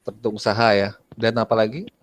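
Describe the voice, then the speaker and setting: Male teacher, online lesson, lowish voice, very dry sound, chatty and quizzing the class. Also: fast talker, no room sound. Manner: chatty, asks students questions, clears throat often.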